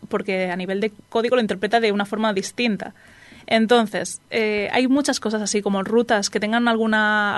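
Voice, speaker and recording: A woman's voice: mid-range voice, no room sound. Woman explaining tech, bone-dry sound. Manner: explains technical security topics with many restarts. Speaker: podcast co-host. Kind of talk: casual chat.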